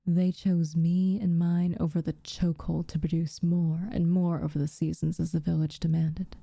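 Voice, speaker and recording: A woman acts as a haughty tsundere witch, her voice very mellow, dark, fairly low, and breathy, often close to a whisper, with a flat delivery. She talks slowly and formally in measured words, guarded on top but with reluctant tenderness beneath, sounding wry and resolute. It's a close, dry recording in the style of an ASMR roleplay spoken softly to the listener.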